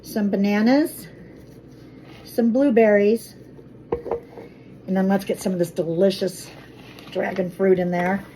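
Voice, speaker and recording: A woman's voice: mid-range voice, steady tone, measured pace, pauses often, noisy background. A woman chatting casually as she makes fruit water in her home kitchen. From Colorado. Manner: chatty, friendly, talks while cooking. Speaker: vlogger.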